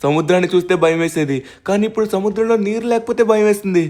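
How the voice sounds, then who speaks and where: Excitable young man narrating gameplay, fast. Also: high-pitched. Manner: excitable, exclaiming, reacting aloud. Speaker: gaming channel host. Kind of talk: narrating a game story with character voices.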